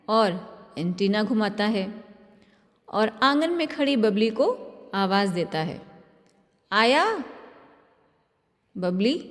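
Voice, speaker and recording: A woman narrating a family story at an unhurried pace, changing her tone for each family member's quoted lines. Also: mid-range voice, in a large hall. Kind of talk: scripted narration.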